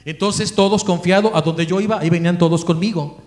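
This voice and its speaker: High-voiced Mexican man telling a story. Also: a little fast, roomy sound. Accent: Mexican Spanish. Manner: lively storyteller acting out the people he quotes. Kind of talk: storytelling religious talk.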